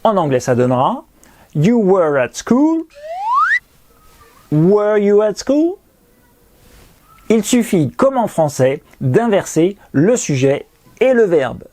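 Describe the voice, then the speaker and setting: Slow, patient man teaching English. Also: sits high, sing-song, a little mellow. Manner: patient, clear, repeats pronunciation drills. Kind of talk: recorded language lesson with explanations.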